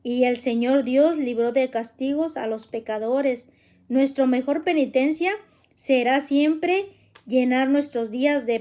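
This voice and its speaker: Woman, religious teacher, high soft-toned voice, casual hesitant delivery full of fillers. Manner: explains with constant tag questions and fillers; plain, patient, conversational.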